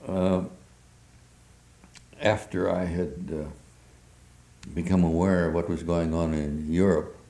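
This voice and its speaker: An extremely deep, mellow voice with little pitch movement belongs to an older man recalling memories in an oral history interview. He speaks haltingly with many hesitations in his pauses, in a recording with a roomy echo.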